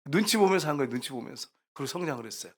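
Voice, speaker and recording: Middle-aged pastor guy preaching, tells stories and acts out the voices, kinda high voice. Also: expressive, very fast, fairly bright tone. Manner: storytelling preacher, acts out quoted voices, rising to emphatic peaks. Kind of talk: sermon.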